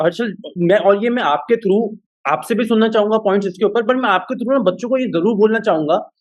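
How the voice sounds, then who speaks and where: Man, interview host, high pitch, emphatic, enthusiastic, code-switching. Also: a little mellow. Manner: enthusiastic, emphatic, mixes in English phrases. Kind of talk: conversational interview.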